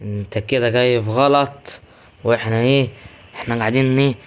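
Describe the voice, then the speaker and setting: A young man with an Egyptian Arabic accent, chatting excitedly to viewers while commenting on his own gameplay. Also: mid-range voice, fairly quick, clean tone. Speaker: gaming YouTuber.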